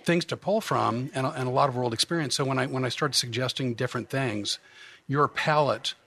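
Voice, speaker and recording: Gravelly joking man, guest comedian hypnotist. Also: mid-range voice, a little fast, bright, forceful tone. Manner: joking, self-deprecating, explains at length with restarts. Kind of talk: casual podcast chat.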